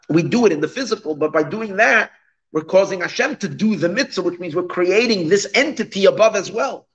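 A man's voice: high voice, a bit bright, low-quality recording. A man giving an explanatory religious lecture as a teacher, reading phrases and translating them, with emphatic repetition and rhetorical questions.

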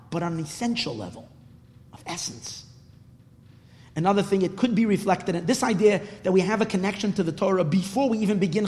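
High-voiced man teaching in an echoing hall. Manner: emphatic, repeats phrases, asks and answers own questions. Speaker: rabbi teaching a Torah class. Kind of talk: religious lecture, teaching unscripted. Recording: reverberant hall.

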